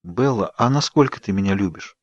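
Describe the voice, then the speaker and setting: A man's voice: lowish voice, animated, brisk, dry recording, dull audio. A man voicing a pleading, bubbly young woman friend in an audiobook, coaxing and wheedling. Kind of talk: audiobook character voice.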